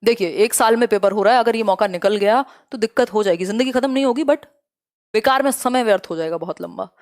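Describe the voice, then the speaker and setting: Woman teacher, live online class, reads questions slowly, direct and scolding. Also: fairly high pitch, darkish tone.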